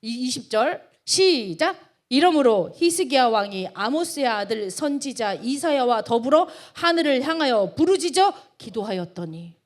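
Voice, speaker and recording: A woman's voice: sits high, moderate pace, few pauses. A woman pastor preaching a sermon to a college group. She keeps firing rhetorical questions at her listeners. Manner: emphatic, with constant rhetorical questions to the audience; lively, emphatic preaching with sudden rises.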